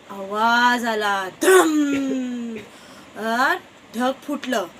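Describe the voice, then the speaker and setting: A woman narrating a children's story in a slow, expressive storytelling manner with drawn-out words. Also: high-pitched, a little hiss or hum, rough recording.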